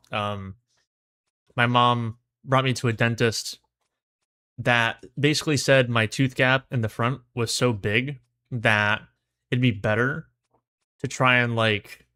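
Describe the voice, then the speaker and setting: A man's voice: medium pitch, fairly bright tone, no room sound. Casual male streamer, mouth numb from dentist. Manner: laid-back, slangy. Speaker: livestream host. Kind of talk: casual gaming livestream chat.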